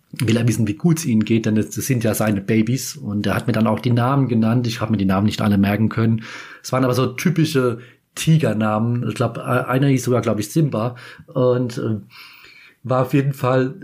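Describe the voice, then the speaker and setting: A podcast host from Kaiserslautern in Germany, telling a personal anecdote in a relaxed, rambling way. His voice is somewhat husky and sits at an ordinary middle pitch for a man. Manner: chatty, meandering, self-correcting. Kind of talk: casual storytelling anecdote.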